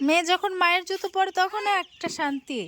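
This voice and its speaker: A woman's voice: very high-pitched, brisk, background noise. A mother talking baby talk to her toddler, coaxing her with sing-song questions.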